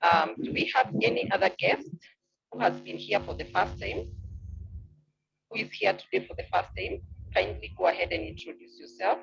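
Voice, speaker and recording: A woman's voice: mid-range voice, sing-song, normal speed, vocal fry, a bit bright, dull audio. A woman moderating an online meeting, speaking politely and formally as she directs participants over call audio.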